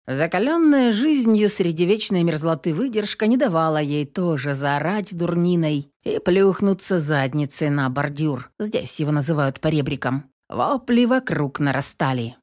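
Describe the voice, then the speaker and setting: A woman reading a novel aloud as an audiobook narrator, expressive and acting each character. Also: low-pitched. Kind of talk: scripted narration.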